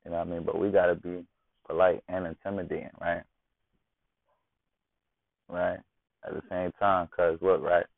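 Male podcast host, low and gravelly, streetwise casual talk, dry phone-quality audio. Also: level tone, moderate pace, long pauses, dry recording. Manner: slangy, constantly asks "you know what I'm saying". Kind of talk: casual monologue. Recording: tinny phone-like dry sound.

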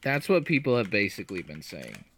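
A man co-hosting a casual sports podcast, hoarse from losing his voice, joking dryly and clearing his throat. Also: lowish voice, wildly swooping pitch, brisk, fairly bright tone. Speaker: podcast co-host.

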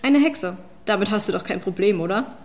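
A woman's voice: mid-range voice, expressive, fairly quick, close to an everyday voice. A woman reading an audiobook, voicing a fierce, power-hungry female witch who hisses and commands. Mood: coaxing. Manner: hissing, commanding, then shouting.

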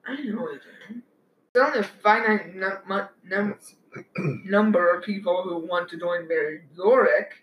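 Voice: mid-range voice, a little slow, lo-fi sound. A tabletop game player chatting casually and playfully, often cutting in with jokes. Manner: playful, interjecting. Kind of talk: casual joking table chat. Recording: roomy, noisy group recording.

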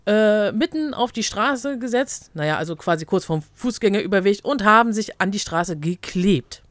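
A woman's voice: mid-range voice, expressive, normal speed, dry recording. A woman co-hosting a casual podcast chat, thinking aloud and weighing both sides. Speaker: podcast co-host.

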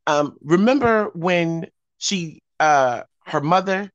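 A woman co-host chatting casually and jumping in to interrupt, with a very lively, swooping voice. Her recording is dry and close with no room sound. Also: on the low side, slow, no room sound, lo-fi sound. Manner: animated, interrupting, laughing. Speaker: podcast co-host. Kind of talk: casual chat.

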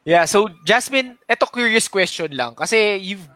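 A man's voice: high voice, expressive, moderate pace, bright, forceful tone, dry recording. A man hosting an interview, asking curious, probing questions in casual chat. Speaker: podcast host. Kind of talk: casual interview chat, mixing English and Tagalog.

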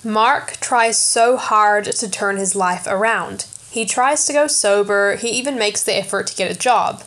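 A woman hosting a podcast, talking through a film analysis in a chatty way with self-aware asides and the odd excited swear. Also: mid-range voice, unhurried. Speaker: podcast host. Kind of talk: casual film analysis commentary.

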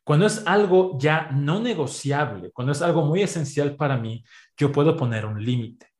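A man with a Mexican accent in a podcast conversation, explaining ideas with everyday examples in an animated way. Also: fairly high pitch, normal speed. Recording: roomy echo.

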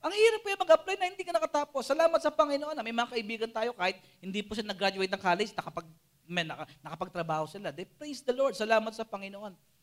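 Man, youth sermon, very high voice, animated, keeps prompting the audience. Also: fast. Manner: animated, keeps asking the listeners "Amen?" and "di ba?". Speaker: preacher to a youth group. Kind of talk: Taglish sermon to a live and Zoom audience.

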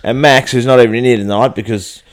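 An Australian man co-hosting a podcast in casual conversation. He trades laid-back jokes and banter. His voice sits at a middling pitch for a man. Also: steady tone, fast, crowd noise. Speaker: podcast co-host. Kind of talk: casual chat.

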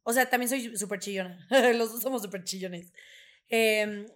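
A woman's voice: mid-range voice, normal speed. A young woman in her twenties with a Mexican accent, co-hosting a casual chat and telling stories full of "o sea" fillers. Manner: chatty storytelling, fillers like "o sea". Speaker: podcast co-host.

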